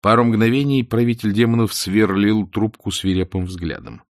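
A man narrating a story as an audiobook reader, expressive in his storytelling. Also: fairly low pitch, normal speed, no room sound, studio quality. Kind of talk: scripted narration.

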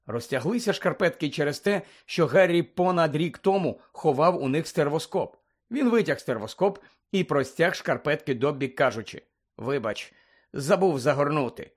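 Lively man reading a storybook. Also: on the high side, moderate pace, husky. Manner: lively, acts out the lines of each character. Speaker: narrator. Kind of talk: audiobook reading.

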